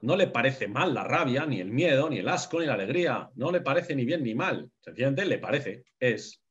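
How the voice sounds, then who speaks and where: A man's voice: mid-range voice, big pitch swings, normal speed. Emphatic man lecturing, lo-fi sound. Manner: emphatic, repeats key phrases, checks in with "¿vale?". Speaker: lecturer on the unconscious. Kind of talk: teaching talk to a group. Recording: dull lo-fi recording.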